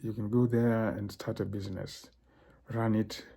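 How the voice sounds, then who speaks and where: An older man from Tanzania giving a solo talk as a professor and cultural consultant, halting, with many fillers and throat-clearing. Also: on the low side, little pitch movement, dark tone.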